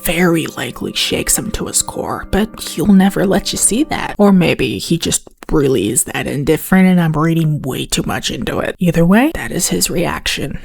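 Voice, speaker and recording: A woman's voice: low-pitched, lively intonation, normal speed, creaky, hardly any pauses, darkish tone. A woman giving scripted commentary on a video game as a commentator. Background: faint music.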